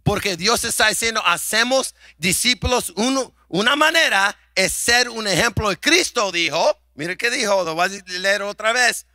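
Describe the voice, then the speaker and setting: A man's voice: sits high, animated, moderate pace, few pauses, sharp tone, no room sound, clean studio sound. A middle-aged male pastor preaching a sermon in a church, emphatic and repeating words as he builds his point. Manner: emphatic preaching, repeats words and restarts, drops in English "come on". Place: church sanctuary.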